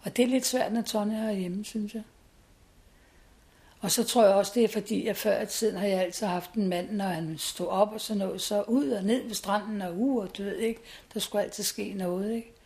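A woman's voice: medium pitch, fairly even intonation, a little mellow. A woman in her sixties talking casually in an interview, chatty and always adding tag questions.

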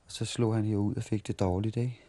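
Man in his 40s from Denmark, somewhat low voice, rambling anecdotal interviewee who stumbles and restarts. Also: fairly even intonation, warm tone. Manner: halting, repeats and restarts words while reminiscing. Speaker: street performer interviewee. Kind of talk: storytelling interview.

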